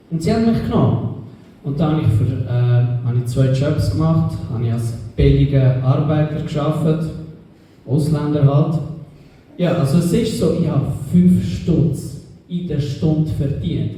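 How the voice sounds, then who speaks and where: A man's voice: mid-range voice, warm tone. A young man from Switzerland with a Swiss German accent, telling ironic stories in a stand-up set. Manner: ironic storytelling to a live crowd. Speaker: stand-up comedian. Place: club stage. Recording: roomy live venue from far off.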